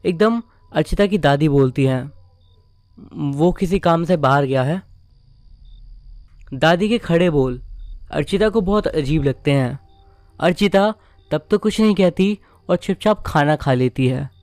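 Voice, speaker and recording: A man narrating a scripted horror story in a measured, suspenseful way. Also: on the high side, animated, darkish tone, dry recording.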